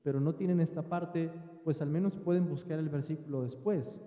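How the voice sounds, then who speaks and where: A man's voice: on the high side, fairly even intonation, normal speed, warm tone, roomy sound, big-room sound. A man giving a sermon as pastor, teaching in an earnest tone and addressing his listeners as brothers. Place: church sanctuary.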